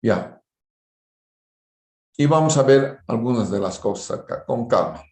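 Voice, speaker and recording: With an expressive, medium-pitched, darkish voice at a measured pace, a university engineering lecturer instructs students informally, regularly checking in with brief tag questions. The recording echoes like online class audio in a roomy space.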